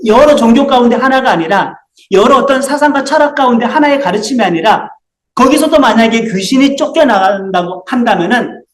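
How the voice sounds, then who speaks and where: A man's voice: high voice, roomy sound. A male pastor preaching a sermon, explaining his points and putting rhetorical questions to the congregation. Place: church sanctuary.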